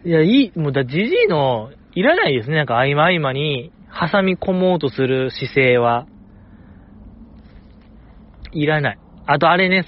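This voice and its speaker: A man's voice: fairly high pitch, lo-fi sound. A man with a Kansai accent hosting a radio show, talking casually in a chatty, jokey way with teasing asides. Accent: Kansai Japanese. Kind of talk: casual solo radio talk.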